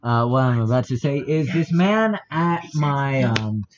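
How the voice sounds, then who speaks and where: A man's voice: medium pitch, animated, unhurried, a crowd in the background. Joking, hesitant male podcast co-host. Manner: joking, hesitant with many ums. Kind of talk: casual chat. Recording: dull lo-fi recording.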